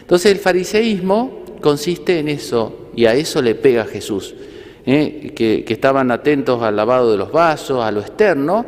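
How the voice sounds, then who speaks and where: A priest preaches a homily in a conversational way. He often adds asides and rhetorical questions, and his medium-pitched voice rings with a long reverb like a church hall. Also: animated, moderate pace. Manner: gently humorous.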